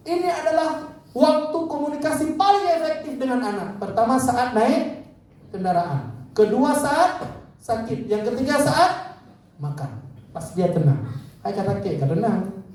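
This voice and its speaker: A man's voice: very high voice, darkish tone. A male preacher giving a parenting seminar talk in a large hall, telling stories animatedly and acting out the dialogue. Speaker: Islamic preacher and parenting speaker. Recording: echoey hall from far off.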